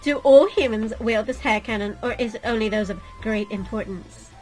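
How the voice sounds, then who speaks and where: A woman's voice: fairly high pitch, a little mellow, soft background music, lightly acted, rough recording. A woman voicing a haughty young mermaid princess who speaks in a pompous, aristocratic way. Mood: imperious. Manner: pompous, drawn-out aristocratic delivery.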